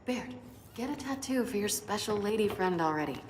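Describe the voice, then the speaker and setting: A woman's voice: medium pitch, lively intonation, moderate pace, a little hiss or hum, lightly acted. An actress playing a direct female soldier with a blunt, teasing manner. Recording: echoey room with game music.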